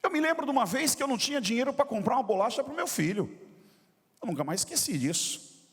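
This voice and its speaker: A high-pitched male pastor preaching with lively, swooping intonation and a slightly husky voice. He tells a story emotionally, jumping from loud outbursts down to quiet asides, and a long church-hall reverb trails every phrase. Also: fast talker. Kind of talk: sermon. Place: church sanctuary.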